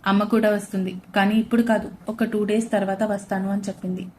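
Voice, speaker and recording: A woman's voice: mid-range voice, little pitch movement, quick pace, a little mellow, slight background noise, lightly acted. A woman voicing an arrogant young husband who talks curtly and with sarcasm, in a storybook reading. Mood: tender. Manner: curt and sarcastic.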